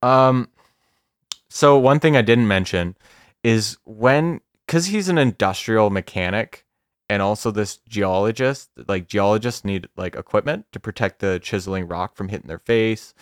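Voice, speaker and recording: A man co-hosting a casual podcast, telling a story with laughs, a bit of swearing and slow pauses for suspense. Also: lowish voice, animated, clear, resonant tone, dry recording, studio quality. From Canada. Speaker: podcast host.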